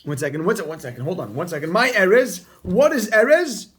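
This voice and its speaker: A man leads a Talmud class in a notably high voice. He drills each phrase by repeating it again and again and presses his students with energetic emphasis. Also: quick pace. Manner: repeats key phrases over and over, drilling the point. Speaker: Talmud teacher. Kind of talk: Talmud class reading and explaining text.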